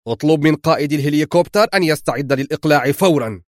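A man reading an audiobook, voicing an agitated army general who shouts urgent orders. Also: on the low side, fairly even intonation, moderate pace, dry recording, clean studio sound, lightly acted. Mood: furious.

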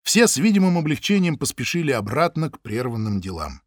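A man narrating an audiobook in a vivid, expressive storytelling manner. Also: medium pitch, a little fast, dry recording, studio quality. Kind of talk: scripted narration.

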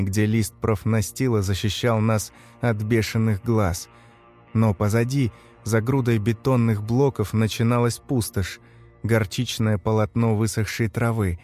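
A man narrating a dark first-person story in a measured, grave, tense manner. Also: on the low side. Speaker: audiobook narrator.

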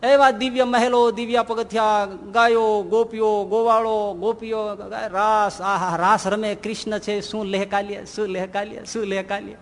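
Swami preaching in a big echoey hall, high voice, acts out the story bits, gets loud and excited. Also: male voice, normal speed, few pauses. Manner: animated storytelling, acting out characters with rising excitement. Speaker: swami giving a scripture discourse. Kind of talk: sermon with a humorous parable.

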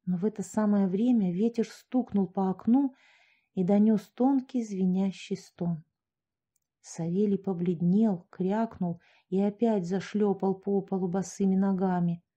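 A woman reading a short story aloud in steady, even audiobook narration. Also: medium pitch, unhurried.

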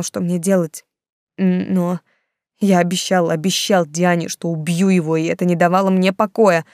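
A woman's voice: on the low side, vocal fry, a little mellow, no echo, clean studio sound. A woman voicing an agitated, defiant young man in love, in an audiobook. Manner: agitated, outbursts.

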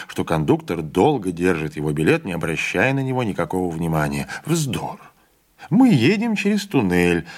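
This literary audiobook is read by a man with a deep voice. His narration is expressive, and he voices the characters' dialogue in their own distinct ways.

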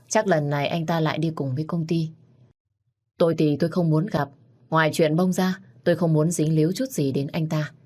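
A woman narrating a first-person story in a plain, steady way. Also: low voice.

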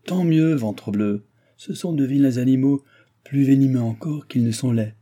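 A man voicing a grumbling old aristocratic baron who blusters and mocks, with loud outbursts, in an audiobook. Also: mid-range voice, normal speed, muffled recording, pitched above the performer's own voice, natural voice. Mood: scornful. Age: older. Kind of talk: audiobook character voice.

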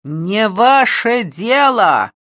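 A tormented, zealous male killer, as an audiobook reader puts him on, shouting hysterically and dragging out every word slowly. The voice sits close and dry, with no room sound around it. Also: mid-range voice, animated, no echo, close to an everyday voice. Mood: raving. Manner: slow, halting, fervent. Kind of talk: audiobook reading.

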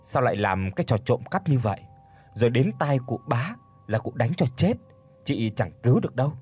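A man voicing the young mistress of a rich household, scolding her servant and then softly reassuring her, in a husky voice over faint music. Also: medium pitch, sing-song, fairly quick. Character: young mistress of a rich household, stern but kind-hearted woman.

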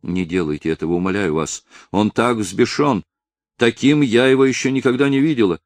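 A man's voice: mid-range voice, a little fast, no echo, pitched above the performer's own voice, lightly acted. A man voicing a terrified teenage peasant girl. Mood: pleading, frantic. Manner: breathless, desperate pleading. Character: frightened fifteen-year-old peasant girl, pleading.

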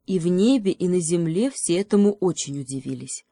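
A woman reads fairy tales aloud in a gentle, unhurried way. Her voice sits low and warm, and the recording is dry and close. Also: expressive, no echo. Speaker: audiobook narrator. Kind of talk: fairy tale reading.

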